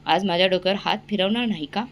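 A woman's voice: medium pitch, quick pace, fairly bright tone, close to an everyday voice. A woman voicing a remorseful young man pleading emotionally with his family.

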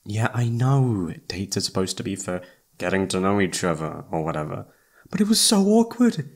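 A man's voice: deep voice, sing-song, moderate pace, exaggerated voice. A man acting as an informal, emotive young best friend who is secretly in love, in a one-sided roleplay audio drama. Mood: sheepish, deflated. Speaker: voice actor.

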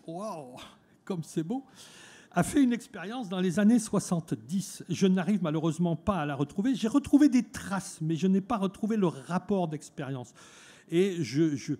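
A man's voice: a little high, warm tone. A man giving a talk at a fair, speaking conversationally with frequent "hein" tags and restarts. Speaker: lecturer at a trade fair talk. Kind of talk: conference talk. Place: conference room at an eco fair.

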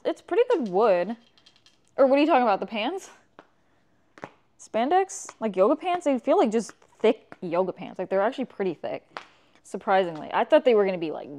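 A woman streamer chatting casually with her viewers while building something, swearing freely and reacting out loud. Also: mid-range voice. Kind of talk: casual livestream chat.

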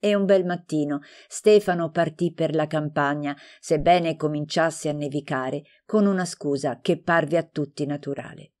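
A woman narrating a novel as an audiobook in a calm, measured, scripted reading. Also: low voice.

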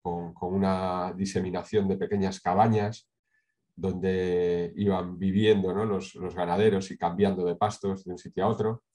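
A middle-aged man from Spain presenting a project over a video call, speaking in a measured way with many hesitations and tag questions. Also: low voice, level tone, dark tone. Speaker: sustainability consultant presenting a project. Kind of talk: online conference talk with slides. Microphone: webcam on a video call.

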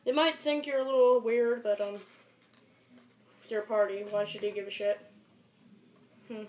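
In a moderately paced, level, mid-range voice with a somewhat dark tone, a young teenage amateur videomaker rambles casually through an improvised tutorial vlog, muttering and cursing. The camera mic in his small bedroom captures echoey, noisy amateur sound.

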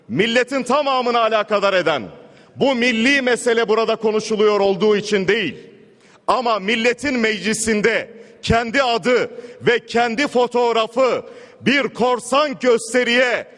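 A man's voice: very high voice, expressive, normal speed, a bit bright. A man delivering a formal, emphatic parliamentary speech at a rostrum microphone in a large chamber. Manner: emphatic, repetitive oratory. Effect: speaking at a rostrum microphone. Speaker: member of parliament. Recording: long hall reverb.

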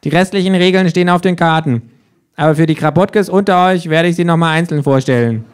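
A man's voice: a little high, brisk, clean tone, pitched above the performer's own voice, lightly acted. A man voicing a cheeky, sardonic talking kangaroo that lectures everyone in a smug, mocking tone, in an audiobook-style reading. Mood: smug lecturing. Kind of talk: audiobook-style rules narration.

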